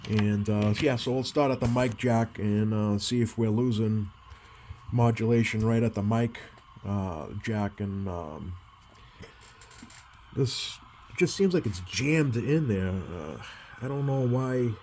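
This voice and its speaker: Speaking slowly in a fairly low, somewhat mellow voice, a man demonstrates CB radio repair at an indoor bench, casually talking through each step and pausing to think. Background noise is clearly audible in the recording.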